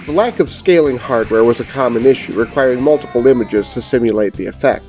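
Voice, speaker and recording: A middle-aged man, giving scripted, measured and precise review narration as host of a retro gaming show. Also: medium pitch, darkish tone, faint music behind.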